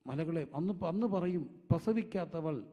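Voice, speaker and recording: A man with a Malayali accent preaches from the pulpit in a fairly high voice, firing questions at his listeners and answering them himself. His voice rings through a large hall with a long tail of reverb. The recording sounds muffled and dull. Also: moderate pace. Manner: preaching with sudden loud emphatic swells. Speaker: pastor. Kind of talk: sermon.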